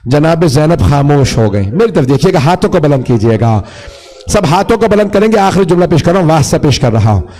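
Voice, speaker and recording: A man preaching a mourning sermon, reciting a slow, chanting lament that swells into cries. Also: on the high side, dark tone. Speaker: cleric reciting a majlis.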